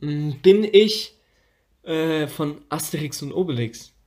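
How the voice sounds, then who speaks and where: A young man playing a guessing game, excitable and slangy, exclaiming a lot. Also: on the high side, slow. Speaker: guessing player. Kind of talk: casual chat.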